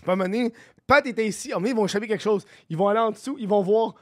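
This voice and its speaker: High-voiced Québécois man, chatty guest. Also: very fast, no echo, clean studio sound. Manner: laughing, swearing, rambling. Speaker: podcast guest. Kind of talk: casual chat.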